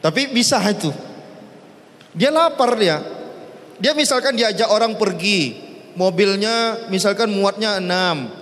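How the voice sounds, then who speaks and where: A man. He is lively and jokey, pushing his pitch up and down for emphasis. The sound carries a long reverb, as in a big hall. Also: measured pace, long pauses. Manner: lively, jokey, rising and falling emphatic delivery. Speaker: preacher. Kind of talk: sermon.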